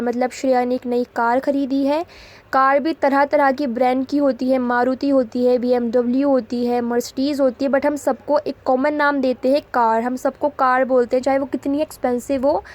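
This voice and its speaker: A woman English grammar teacher from India talks through a lesson in a bright, high voice. She explains patiently and slows right down whenever she reads an example sentence aloud. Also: fairly even intonation.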